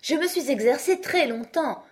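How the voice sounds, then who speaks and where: A woman voicing an earnest, solemn male knight who is proud of his clumsy inventions, read in a breathy voice for a storybook. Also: mid-range voice, very animated, normal speed, pitched above the performer's own voice. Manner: grave, proud, rambling explanations. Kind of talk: audiobook character reading.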